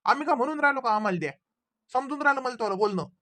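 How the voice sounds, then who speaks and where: A performer voicing an angry adult son arguing with his mother in an animated comedy. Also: high-pitched. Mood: heated. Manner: rapid, heated arguing.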